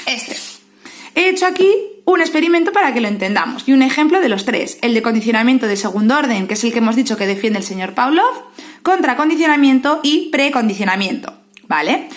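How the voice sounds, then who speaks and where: A woman with a Spain Spanish accent walks students through her class notes in a lively, familiar way, talking straight to them. Her voice sits high, and she keeps checking they follow with a quick "¿vale?". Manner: lively, says "¿vale?" often, addresses students as "os". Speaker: psychology tutor.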